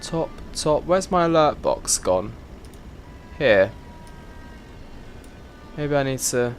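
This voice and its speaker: Soft music plays behind a flight sim streamer who speaks slowly in a mid-range voice with lively intonation. He chats casually on his live stream, welcoming viewers by name as he arranges his setup. He has a slight cough and sounds a little congested.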